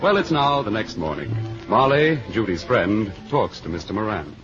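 Old radio announcer, very lively pitch. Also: male voice, normal speed. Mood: formal, presenting. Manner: formal, theatrical presenting of a play. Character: old radio announcer introducing acts of a play. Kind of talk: old-time radio announcing, scripted narration. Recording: dull vintage radio recording, loud music.

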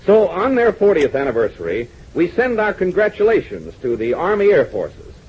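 A husky-voiced man narrates and announces an old-time radio adventure serial. He is earnest and rallying, calling his young listeners gang, and his pitch swings widely. The sound is dull and lo-fi, like a 1940s radio broadcast. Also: wildly swooping pitch, moderate pace.

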